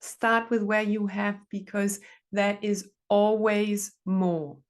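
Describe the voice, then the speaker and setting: Appearing as a podcast guest, a middle-aged Danish relationship therapist talks slowly at a medium pitch that barely moves. She offers earnest advice in conversation, repeating phrases to drive her points home.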